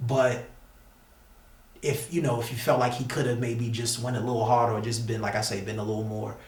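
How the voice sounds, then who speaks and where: A man from the United States with a medium-pitched voice talks a little fast and with flat delivery. Appearing as an interview guest, this battle rapper tells a story casually in slangy, emphatic, repetitive language, recorded with a distant mic in an echoey room.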